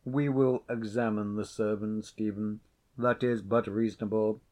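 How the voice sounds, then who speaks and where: A man voicing a stern, suspicious laird who speaks in a cold, measured, menacing way. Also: lowish voice, fairly even intonation, darkish tone, voice pushed down, lightly acted.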